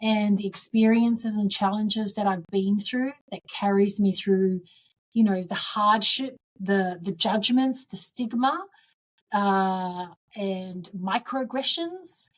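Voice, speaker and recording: A woman's voice: mid-range voice, slow. A woman politician as an interview guest, speaking earnestly and from the heart. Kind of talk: interview conversation.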